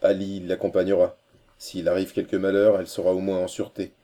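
A man voicing a bold, fearless sea captain who talks in a hearty, lively way in an audiobook reading. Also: low voice, brisk, natural voice. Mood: rousing.

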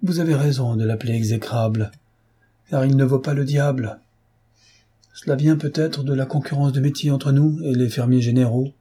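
A man's voice: medium pitch, moderate pace, dark tone, husky, close to an everyday voice. A man reading aloud, voicing a bitter, vengeful older Spanish nobleman in a declamatory, brooding manner. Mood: grim. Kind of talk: audiobook reading.

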